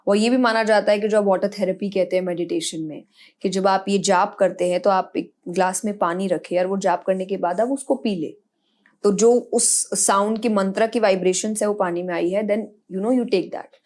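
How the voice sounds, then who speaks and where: Earnest woman guest explaining calmly. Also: medium pitch, normal speed. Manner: calm, earnest explaining with frequent restarts. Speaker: spiritual speaker, guest. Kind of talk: podcast interview answers.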